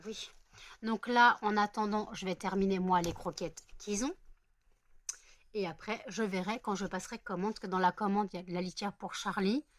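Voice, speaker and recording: A woman's voice: medium pitch, fairly even intonation, moderate pace. A woman who has not slept yet, chatting in a rambling home vlog with many fillers. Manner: chatty and rambling, many fillers, coos softly to her dogs. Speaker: vlogger. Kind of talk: casual vlog chat.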